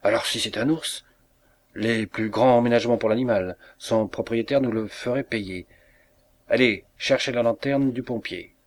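A man's voice: mid-range voice, moderate pace, close to an everyday voice. A man voicing a jovial, bossy patrol sergeant who jokes and barks orders, in a storybook reading. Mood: brisk. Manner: jocular, barking orders.

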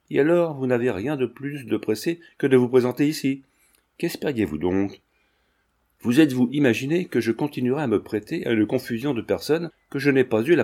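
A man's voice: medium pitch, darkish tone. A man reading the part of a proud young marquise, reproachful and indignant, in an audiobook. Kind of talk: audiobook character voice.

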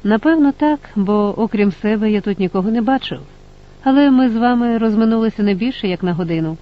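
A calm, reserved male traveller who gives evasive answers in a fairly high voice, as a man plays him. The sound is dull and lo-fi. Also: brisk.

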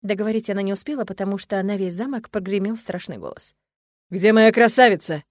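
A woman's voice: medium pitch, dry recording. Woman narrating an audiobook, dry and close. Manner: measured, expressive storytelling. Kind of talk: first-person audiobook narration.

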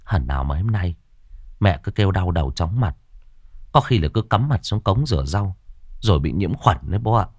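Squeamish teenage son, anxious and quick, put on by a male narrator. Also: low-pitched, animated, a little mellow, no room sound, clean studio sound.

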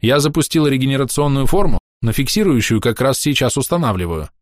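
A man voicing a grumpy, sharp-tongued woman healer who scolds and snaps in a raised voice. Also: mid-range voice, animated, fast, no echo, clean studio sound, pitched above the performer's own voice, natural voice. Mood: angry scolding.

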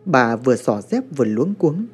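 A man narrating a horror story in a dramatic, expressive way. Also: medium pitch, normal speed, slightly rough.

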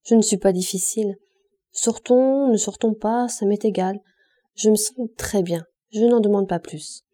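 A woman voicing a calm, cheerful young bride who is easy to please. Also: medium pitch, a little slow, lightly acted. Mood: content. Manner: easygoing, cheerful.

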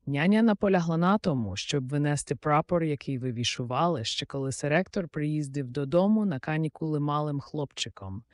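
A man with a fairly high voice narrates a storybook in a lively, expressive way. The sound is close and dry, with no room around it. He carries the tale along warmly paced and clear. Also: a little fast, hardly any pauses, no echo. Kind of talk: audiobook narration.

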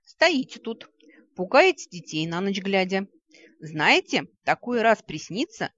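Brief: a reader as a petite sarcastic young woman, animated banter, slightly dull sound. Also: medium pitch, measured pace, no echo, pitched above the performer's own voice. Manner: snarky, teasing banter. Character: cheeky young woman, sharp-tongued and sarcastic. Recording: dry, slightly dull recording.

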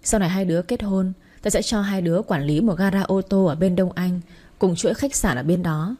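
A woman voicing a rich old company chairman who speaks slowly, calmly and with authority. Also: sits high. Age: older.

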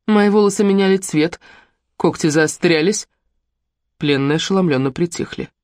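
Measured audiobook narrator, dry close sound. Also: medium pitch, darkish tone, dry recording. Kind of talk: first-person novel narration.

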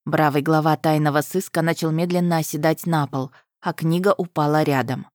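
Audiobook reader, woman, low register, dry studio read. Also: fairly even intonation, brisk, darkish tone, dry recording. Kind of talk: first-person fantasy audiobook narration.

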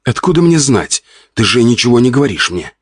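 A man voicing an indignant, sharp-tongued middle-aged countess in an audiobook. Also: mid-range voice, sing-song, breathy edge, no room sound, clean studio sound, voice pushed up. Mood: sulky. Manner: indignant, quick to retort.

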